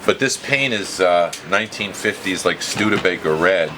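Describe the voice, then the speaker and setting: A man in his fifties with a low, lively voice speaks at normal speed, explaining things casually like a dealer telling stories to a visitor. He's inside a small, cluttered guitar shop, captured by a camera mic a short way off in a noisy handheld recording.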